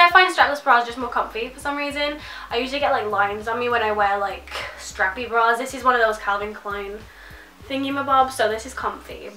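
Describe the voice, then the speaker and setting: A young fashion vlogger gushes to camera about a clothing haul from her small bedroom, saying "like" constantly, her voice nasal and congested from a cold. Her pitch is on the high side, pushed and bright. She sits far from the mic in an echoey room, and the recording is rough.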